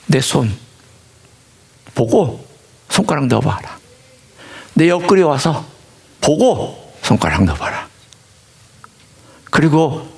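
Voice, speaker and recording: A man preaching who voices a gentle, patient male Jesus coaxing a doubting follower in a soft, lowered voice. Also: vocal fry, slightly rough, full character voice.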